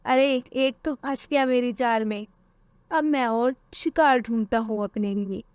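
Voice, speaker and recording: A woman voicing a sly male thief who sweet-talks children in a cartoon story, with a coaxing, quick manner. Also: on the high side, no room sound, natural voice.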